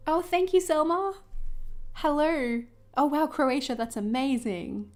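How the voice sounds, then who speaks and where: Hosting a journaling livestream, a woman from northern New South Wales chats quickly and casually with viewers while she crafts, giggling often. She has an Australian accent and a high voice.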